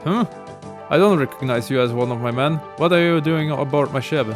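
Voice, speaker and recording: A man's voice: on the high side, a little fast, faint music behind, close to an everyday voice. A man reading the lines of a pompous ship captain from a video game.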